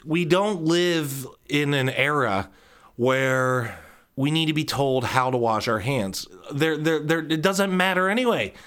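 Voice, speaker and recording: A man rambles through a casual solo podcast monologue, cursing freely. His voice sits a little high for a man and jumps into squeaky, exaggerated outbursts. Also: a little slow, fairly bright tone, clean tone, faint music behind. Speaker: podcast host.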